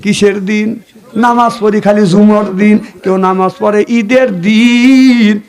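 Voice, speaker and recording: A man from Bangladesh preaching a waz sermon, telling a story in a sing-song style with sudden high exclamations and calls for the crowd to respond. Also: steady tone, slow pace, darkish tone.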